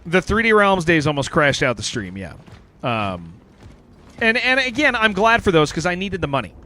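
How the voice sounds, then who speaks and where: A man's voice: high-pitched, very animated, normal speed, pushed and bright. Chatty man streaming games. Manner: rambling, chatty, lots of fillers and "dude". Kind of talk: casual live-stream commentary while gaming.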